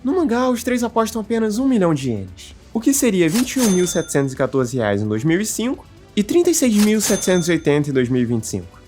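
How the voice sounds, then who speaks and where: A man's voice: high-pitched, huge pitch swings, quick pace, hardly any pauses, darkish tone, faint music behind. A Brazilian man as guest co-host, reading a scripted commentary recap with sarcastic jabs. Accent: Brazilian Portuguese. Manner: sarcastic, swooping delivery.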